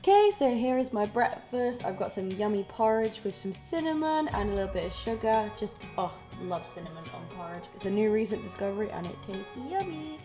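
Talking over music at a fairly quick clip with few pauses, this twenty-something woman keeps her medium-pitched, slightly croaky voice bright and chatty, laughing often. She's a drama student recording a casual vlog indoors in her small student flat, bedroom and kitchen, with the camera mic held at arm's length.

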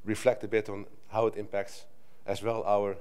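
Middle-aged Dutch man, slightly low voice, chatty conference talk at a lectern mic, restarts a lot. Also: flat delivery, normal speed, a little mellow, clean tone. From Netherlands. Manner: conversational, with frequent restarts and filler "right?". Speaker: conference speaker. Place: conference hall stage at a lectern. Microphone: lectern microphone.

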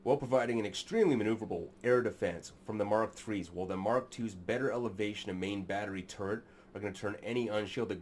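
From a small room, a man in his thirties who hosts a sci-fi channel talks to his webcam with sarcastic, crude, mock-serious commentary. His voice is fairly low and a little mellow, with a little hiss or hum.

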